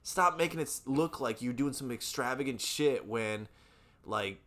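A heated man in a casual podcast conversation, swearing freely and pushing his point hard. He trips over his own words, repeating them as he restarts. His voice sits at an ordinary middle pitch for a man. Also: moderate pace, pushed and bright. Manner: profane, heated ranting. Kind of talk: casual chat.

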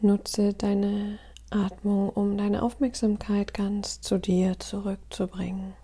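A woman leading a guided meditation in a calm, soothing, breathy and husky voice, often close to a whisper, with deliberate pauses. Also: mid-range voice.

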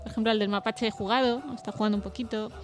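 A woman chatting casually on a podcast in a rapid, chatty manner. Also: medium pitch, steady tone, soft background music. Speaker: podcast co-host. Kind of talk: casual chat.

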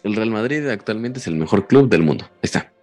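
Teen male co-host, Mexican accent, profane and heated, pitch leaps around, faint music behind. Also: animated, fast talker. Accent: Mexican Spanish. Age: teens. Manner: swears a lot, voice jumps high when heated. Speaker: podcast co-host. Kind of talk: casual argumentative banter.

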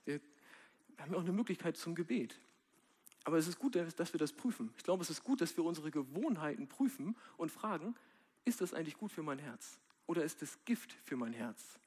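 A man giving a sermon in a casual, direct way, with slang and slow, quiet stresses. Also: a little high. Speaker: preacher.

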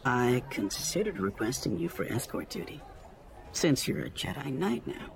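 A man's voice: mid-range voice, very animated, measured pace, creaky, noisy background. A man voicing a playful young woman in an audiobook, reading her lines with a light, teasing manner.

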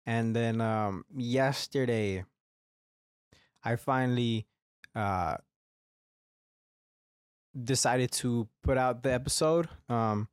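A young solo podcast host speaks slowly with long pauses in a clear, resonant mid-range voice. His casual monologue rambles, restarts often and is full of swearing, and his throat sounds slightly congested and phlegmy. The recording is studio quality with no echo.

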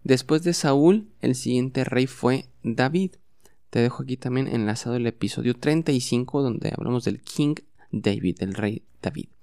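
A man's voice: medium pitch, normal speed, gravelly, warm tone, no room sound, clean studio sound. A man teaching as a podcast host in a bilingual lesson, patiently repeating words and phrases for the listener to say back.

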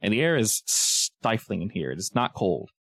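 A man running a tabletop game, improvising casual, descriptive narration and pausing to search for words. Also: on the low side, big pitch swings, vocal fry, fairly bright tone, dry recording. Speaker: game master.

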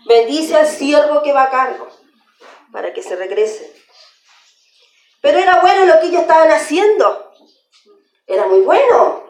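A woman preaches with fervour, her high voice repeating phrases for emphasis. She sounds like she is in an echoey church room. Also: big pitch swings, unhurried, long pauses, a little mellow. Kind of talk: sermon.

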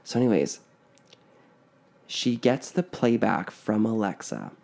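A man's voice: fairly low pitch, big pitch swings, slow pace, gravelly, darkish tone. A man co-hosting a podcast, telling a spooky family story in a casual, rambling way full of fillers and restarts. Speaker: podcast co-host.

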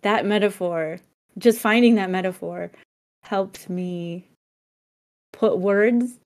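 A woman's voice: medium pitch, takes it slowly, darkish tone. Woman, podcast co-host, casual and reflective, laughs readily. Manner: reflective, laughs often, many restarts. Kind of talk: casual conversation.

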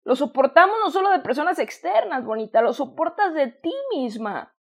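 A woman's voice: high voice, animated, normal speed. A woman with a Mexican accent giving a motivational self-love talk, affectionate and conversational, often repeating and restarting phrases. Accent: Mexican Spanish. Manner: warm, affectionate, addresses listener as "hermosa".

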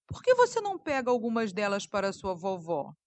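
A woman voicing a sly, hungry male wolf with a gruff, booming manner in a storybook reading. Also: wildly swooping pitch, a little fast.

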